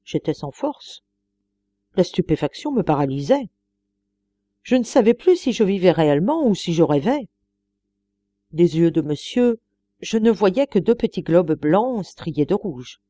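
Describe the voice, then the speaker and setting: A woman narrating a classic novel as an audiobook, telling it in an expressive first-person way. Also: fairly low pitch, unhurried, pauses often, no room sound. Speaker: audiobook reader.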